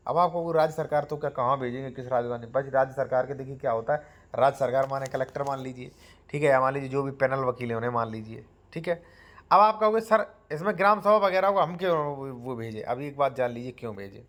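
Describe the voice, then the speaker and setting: A man gives a step-by-step lesson on land law and reads out legal clauses slowly to his viewers. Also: medium pitch.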